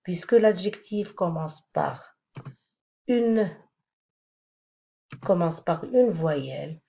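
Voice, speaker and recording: A woman teaching a grammar lesson, speaking slowly and deliberately and repeating each example one by one. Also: low voice, warm tone, highs cut off.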